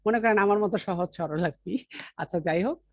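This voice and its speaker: A woman teaching an English grammar lesson, explaining step by step, asking the class questions and reading example sentences very slowly. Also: lowish voice, darkish tone, no room sound.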